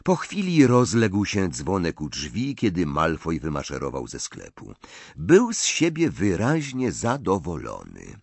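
A male audiobook narrator with a low voice that moves widely in pitch as he tells the story. The recording is dry and close. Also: unhurried, gravelly, breathy edge, dry recording. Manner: expressive storytelling. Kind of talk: scripted narration.

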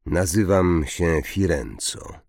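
A male narrator voicing a noble young centaur, speaking slowly and solemnly in an audiobook. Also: deep voice, lively intonation, creaky, darkish tone, dry recording, clean studio sound, heavily acted. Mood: grave. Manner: slow, solemn, measured.

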